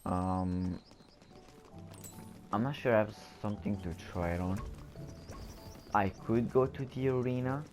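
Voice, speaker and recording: Low-voiced man casually narrating gameplay. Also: unhurried, long pauses, darkish tone. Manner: rambling, hesitant, thinking aloud. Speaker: gameplay video host. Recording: voice-over with game music behind.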